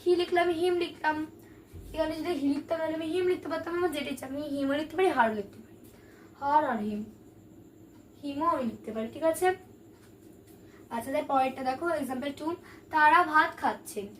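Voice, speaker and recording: A woman with a high-sitting voice teaches a grammar lesson a little fast, with long pauses. She explains patiently and asks questions she then answers, captured on a distant mic with faint room noise.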